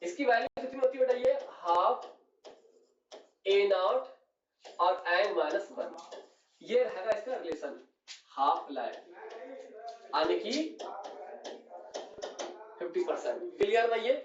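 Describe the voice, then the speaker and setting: A man's voice: high-pitched, lively intonation, takes it slowly, long pauses, far from the mic, slight background noise. Man teaching chemistry in an echoey room. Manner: addresses students as "beta", keeps asking "clear?". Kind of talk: whiteboard chemistry lecture. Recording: echoey room, voice off-mic, dull sound.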